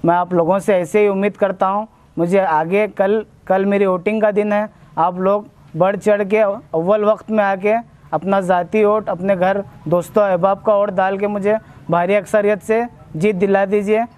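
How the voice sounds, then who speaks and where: A man's voice: sits high, level tone, normal speed, darkish tone, dry recording. A man running for a local ward seat, making earnest, repetitive appeals for votes in an interview. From India. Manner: earnest, repetitive appeals in formal Urdu-laced speech. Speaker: ward election candidate. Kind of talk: campaign interview and vote appeal.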